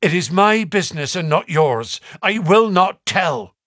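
A man's voice: a little high, animated, measured pace, a bit bright, no echo, clean studio sound, voice pushed up. A man voicing a frightened, agitated butler who pleads and stammers in a storybook reading. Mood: defiant. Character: frightened, agitated middle-aged male butler.

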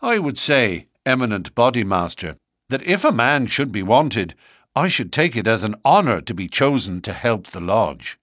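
A man's voice: mid-range voice, very animated, moderate pace, fairly bright tone, no room sound, clean studio sound. A male narrator voicing an eager, bold young newcomer in a storybook reading. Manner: eager, eloquent.

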